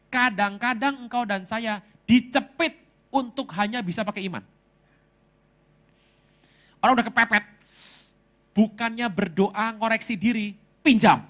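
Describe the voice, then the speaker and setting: A male pastor preaching a sermon, telling stories in a lively, humorous way with dramatic swings. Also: high-pitched.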